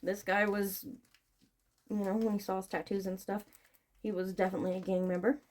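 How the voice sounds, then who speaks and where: A woman's voice: mid-range voice, little pitch movement, normal speed, darkish tone. A woman vlogger chatting casually and informally while she works, thinking aloud and drifting between asides. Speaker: online vlogger and small seller packing orders. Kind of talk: casual rambling chat while working.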